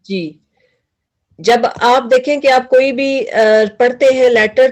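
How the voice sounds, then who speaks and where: Patient female Quran teacher, slightly high voice, slow drilling questions, mixes in English words. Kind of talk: tajweed class teaching.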